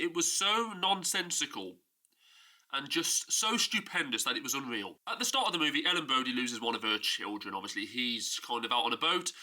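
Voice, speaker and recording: A film review YouTuber with a stuffy nose from a cold rants casually about a movie in a vlog, sounding exasperated, emphatic, and mocking. His voice is medium-pitched with a sharp tone.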